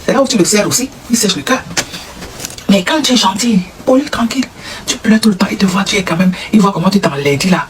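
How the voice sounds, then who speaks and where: A man's voice: sits high, expressive, fast talker. A man with a Cameroonian French accent giving comic advice, acting out little dialogues and sound effects. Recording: noisy recording.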